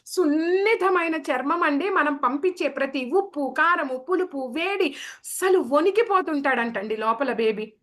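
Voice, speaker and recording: A woman's voice: high voice, lively intonation, unhurried, a bit bright. A woman giving a devotional sermon, asking the audience rhetorical questions and acting out the quotes. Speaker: spiritual speaker.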